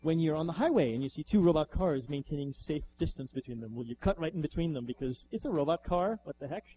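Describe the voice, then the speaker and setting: A man giving a lively, conversational lecture as an author, often posing rhetorical questions to the audience. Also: on the high side, fast, poor audio. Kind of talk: lecture with slides.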